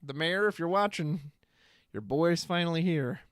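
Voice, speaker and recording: A streamer reviewing trading card spoilers thinks aloud casually during a live stream, reading card text and chat comments. His voice is a little high at a moderate pace, with clean studio sound and no room sound.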